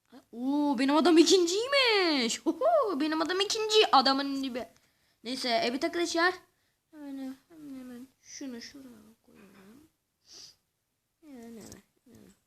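A high-pitched woman narrating her own gameplay for viewers in a lively, excitable way. She talks straight to the audience, then drops into muttered and whispered asides to herself between bursts of chatter. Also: normal speed. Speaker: gaming channel host. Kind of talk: let's-play commentary.

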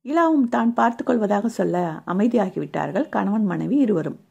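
A woman narrating a romance audio novel in a steady storytelling voice, husky. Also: mid-range voice, brisk, muffled recording.

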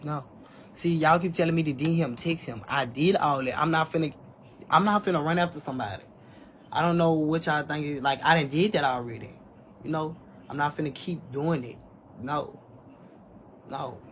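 A fairly high-pitched, slightly bright male voice at normal speed, with slight background noise. He's in his twenties, chatting casually with live-stream viewers and answering chat candidly and defensively, recording on a phone held at arm's length in a small room.

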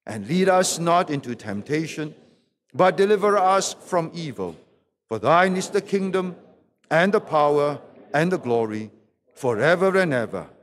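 A man leading a solemn formal prayer at a pulpit microphone, in a measured voice with old-style wording. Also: a little high, lively intonation. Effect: speaking at a pulpit microphone.

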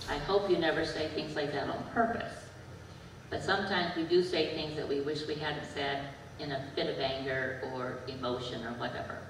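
A low-pitched woman speaks gently to children as their pastor, checking in with simple questions. She is picked up from far off in a large church sanctuary. The sound has a long, echoing hall reverb. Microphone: far camera. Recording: echoey church from far off, background noise.

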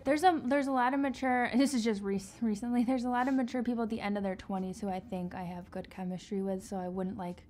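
Young-ish woman interviewee, laughs a lot, kinda high voice, quiet music behind. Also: fairly even intonation, fast talker, few pauses. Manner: laughing, hedging, informal. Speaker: interview guest. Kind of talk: casual chat.

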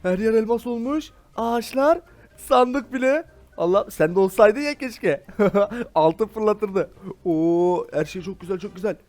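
A man playing a Minecraft role-play character, excitable and full of exclamations, talking straight to his viewers. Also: high voice, unhurried. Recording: faint background music.

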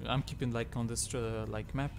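A young man from Tunisia, not a native English speaker, hosting a sim-racing livestream, reading chat and answering in halting, filler-heavy talk. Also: mid-range voice, steady tone, noisy background. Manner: halting, filler-heavy, reads chat aloud and thanks subscribers. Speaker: livestream host. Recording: loud game music behind voice.

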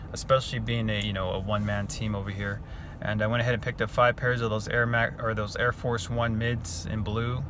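Recorded with a noisy background, a medium-pitched man in his thirties casually narrates his sneaker-reselling vlog, relaxed and heavy on filler words. The phone is held at arm's length as he moves from a parked car to retail stores.

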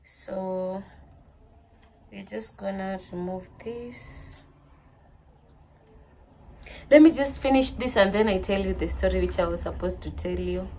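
A woman's voice: mid-range voice, takes it slowly, pauses often, a little mellow, a little hiss or hum. A young woman vlogging casually at home and on her way back, chatting to the camera in a confiding way. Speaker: vlogger and mother. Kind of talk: casual vlog chat. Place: at home, later walking outdoors.

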